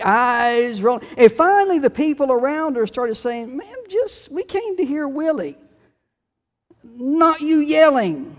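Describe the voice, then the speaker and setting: A man preaching a sermon, telling a story slowly and deliberately before drawing out its meaning. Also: very high voice. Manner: storytelling, slow and deliberate with dramatic quoted shouts. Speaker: pastor. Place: church sanctuary. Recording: long reverb of a church sanctuary.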